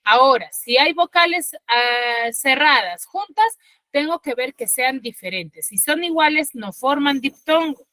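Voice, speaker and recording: A woman teacher walks her students through a lesson over a video call, patient and methodical. Her voice sits high and sounds bright, and the sound is dry and close. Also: animated, unhurried, no room sound. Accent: Peruvian Spanish. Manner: patient, explanatory, checks understanding often. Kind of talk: online class lecture. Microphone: computer mic on video call.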